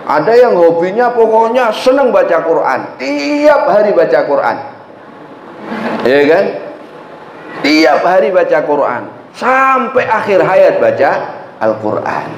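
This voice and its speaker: Male mosque preacher, lively storytelling sermon, roomy echo, dull lo-fi sound with faint noise. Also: sits high, takes it slowly. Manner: lively storytelling, asks the congregation. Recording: echoey, dull lo-fi mosque recording.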